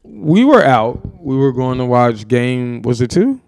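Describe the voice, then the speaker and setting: A young man co-hosting a podcast, telling loud, animated stories in casual banter and swearing freely. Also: mid-range voice, measured pace, vocal fry, dry recording. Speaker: podcast co-host.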